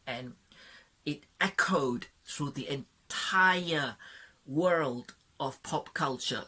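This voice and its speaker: Gushing low-voiced woman vlogger. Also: pushed and bright, breathy edge. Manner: gushing, giggly, apologetic. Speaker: vlogger reviewing a film. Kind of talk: excited casual review. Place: Sydney, Australia.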